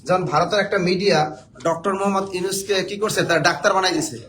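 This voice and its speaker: A man's voice: high-pitched, fairly even intonation, racing, fairly bright tone, slight background noise. A man from Bangladesh, teaching a spelling lesson for job exams, joking and quizzing his viewers.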